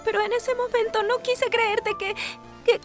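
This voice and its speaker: A woman's voice: extremely high pitch, little pitch movement, measured pace. An actress playing an earnest, devoted young woman, pleading emotionally in a Latin American Spanish anime dub. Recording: music behind the voice.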